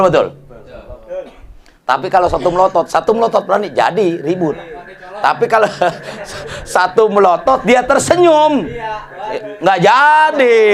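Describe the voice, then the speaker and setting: Gravelly, joking preacher man. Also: high voice. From Indonesia. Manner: jokey, colloquial, asks audience for agreement. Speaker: Islamic preacher. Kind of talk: casual mosque study sermon.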